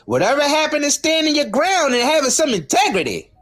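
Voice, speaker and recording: A man's voice: very high-pitched, wildly swooping pitch, fairly quick, a bit bright. A man hosting a comedic commentary show, crude and mocking as he talks to viewers. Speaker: commentary channel host.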